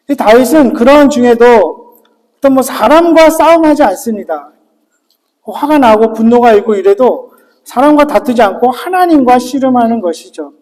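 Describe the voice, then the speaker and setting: High-voiced pastor preaching in a reverberant church. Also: male voice, a little mellow. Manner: earnest, explains with questions to the congregation. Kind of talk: sermon.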